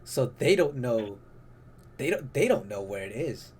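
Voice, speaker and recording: A man's voice: medium pitch, big pitch swings, a little slow, darkish tone. A young man co-hosting a casual podcast, talking animatedly, swearing and laughing often. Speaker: podcast co-host. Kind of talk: casual chat. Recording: faint computer noise behind.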